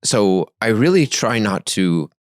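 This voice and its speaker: A man co-hosting a casual podcast, musing in a reflective, self-deprecating way with many restarts. His voice is on the low side and sounds close and dry, with no room echo. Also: very animated, unhurried. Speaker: podcast co-host. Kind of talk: casual spiritual chat.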